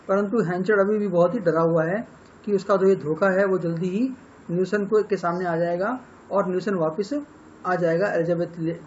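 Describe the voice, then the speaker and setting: A high-voiced man with an Indian accent talks students through a novel's plot in a patient, explanatory lecture. He switches between Hindi and English and stops on fillers as he thinks. The sound is dull and lo-fi, with faint noise behind. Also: darkish tone. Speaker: English literature teacher.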